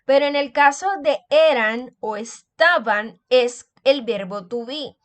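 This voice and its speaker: High-voiced woman teaching slowly. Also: fairly bright tone. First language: Spanish. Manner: reads English examples slowly, then translates them. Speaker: English teacher. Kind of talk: slow explanatory grammar lesson.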